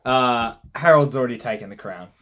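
A man's voice: mid-range voice, brisk, a bit bright. A man narrating a comedic history story as host, playful and teasing.

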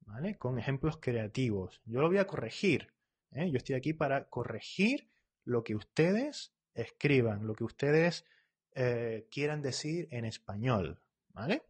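A Spanish teacher runs a live online lesson, reading viewer comments aloud and correcting them as they arrive. His husky, mid-pitched voice moves fast and is very animated, punctuated by quick check-ins like "¿vale?".

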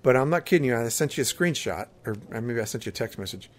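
Conversational man, mid-pitched podcast co-host. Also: lively intonation, fast. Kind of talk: casual chat, recounting gaming. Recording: faint background ambient noise.

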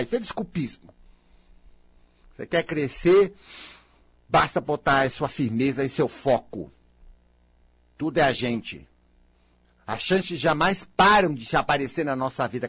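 Husky, theatrical Brazilian man. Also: very animated, normal speed, long pauses, no echo. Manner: theatrical, swings between loud outbursts and low muttering; blunt and scolding. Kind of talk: motivational monologue.

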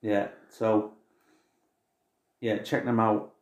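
A man's voice: fairly low pitch, flat delivery, extremely slow, reverberant. An English man co-hosting a podcast in casual, informal chat, swearing now and then. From England. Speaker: podcast co-host.

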